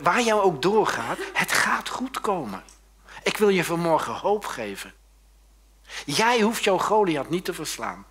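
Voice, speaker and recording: A male pastor giving a sermon, lively and joking, often turning to the congregation with quick questions. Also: high-pitched, slightly rough.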